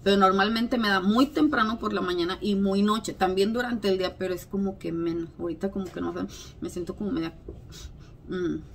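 A woman vlogger, chatting at home late at night, a little hoarse, self-mocking and full of fillers. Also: mid-range voice, fairly even intonation, brisk, slight background noise. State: slightly hoarse. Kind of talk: casual chat to camera.

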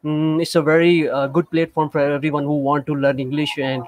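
A man's voice: a little high, level tone, brisk, a little hiss or hum. Hesitant young man on a video call. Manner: hesitant, many uh fillers, non-native grammar. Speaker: student participant. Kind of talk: casual online class chat.

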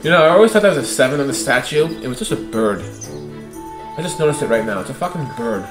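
A man talks through his gameplay in a loose, swearing rant, annoyed at everything on screen. His pitch swings widely as he grumbles and exclaims. The voice sits in a roomy, echoing space with game music playing clearly behind him. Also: animated, quick pace. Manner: profane, irritable ranting. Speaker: let's-play gamer. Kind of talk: casual gameplay commentary.

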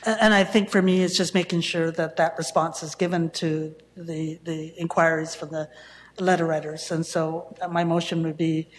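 Hesitant woman councillor, flat voice. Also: sits low, moderate pace. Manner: hesitant, many fillers and restarts. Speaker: city councillor. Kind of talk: council meeting discussion. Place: council chamber. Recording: long reverb, faint room noise, council chamber.

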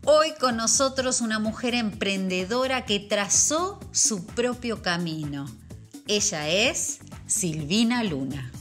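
Slow, measured woman voice-over. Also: medium pitch, a bit bright. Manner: slow, measured questioning delivery. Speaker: voice-over announcer. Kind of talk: scripted voice-over.

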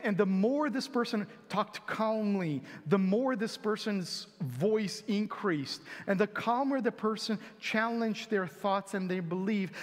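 Animated preacher in a reverberant hall. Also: male voice, extremely high pitch. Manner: animated, acts out quotes with sudden loud exclamations. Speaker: pastor. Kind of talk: sermon. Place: church sanctuary.

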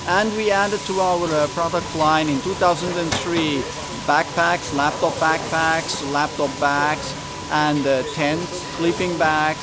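A Swiss-accented man in his forties answers interview questions in a measured, halting way. His voice is slightly high. He is recorded in a large factory hall with loud machine noise behind him. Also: fairly even intonation. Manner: measured, with many uh fillers. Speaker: company executive interviewed.

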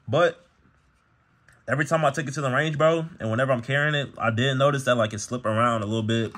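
A man's voice: medium pitch, quick pace, fairly bright tone, slight background noise. A man talking casually to camera as a gear vlogger, with a laid-back, slangy delivery full of "bro" and "y'all". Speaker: gun channel vlogger.

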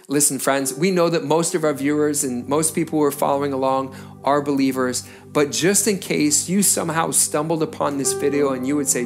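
A middle-aged man, a pastor, closing an online sermon in an earnest, pastoral way and leading a short prayer. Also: on the high side.

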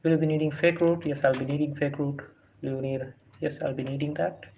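A non-native English-speaking man hosts a screen-recorded tutorial, reading the prompts aloud with lots of fillers and restarts. His voice is a little high and creaky, fairly quick, with fairly even intonation. The audio is dull and lo-fi, with a faint hiss.

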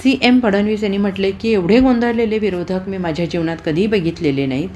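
A woman reporter reading a scripted news voice-over in a brisk, formal manner. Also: medium pitch, warm tone, slight background noise.

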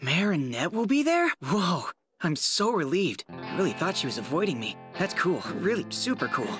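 A man voicing a sincere, soft-spoken, laid-back teenage musician boy in a cartoon. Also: sits high, big pitch swings, normal speed. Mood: relieved, gentle. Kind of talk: animated cartoon dub acting. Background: background music with guitar.

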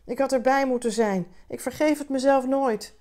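A woman's voice: sits high, normal speed, dark tone, voice pushed up, natural voice. A woman voicing a talkative man in a bar who rambles, hesitant and heartfelt, as he grieves. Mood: grieving.

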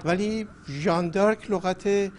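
A man moderates a political talk show with a somewhat high voice. He keeps a poised, steady manner, and his voice lifts as he presses a point. Faint noise hums behind him. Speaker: host.

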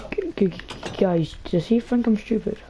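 A woman's voice: medium pitch, big pitch swings, moderate pace, warm tone, slight background noise. A young woman giving casual, chatty gameplay commentary, talking nervously to her viewers and to a character in the game. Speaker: gaming video host. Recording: dull lo-fi mic with faint game music.

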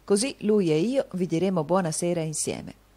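A woman reading an audiobook, voicing a proud, quick-tempered young man who speaks earnestly. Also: fairly low pitch, dark tone, voice pushed up, close to an everyday voice. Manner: earnest, scornful at times.

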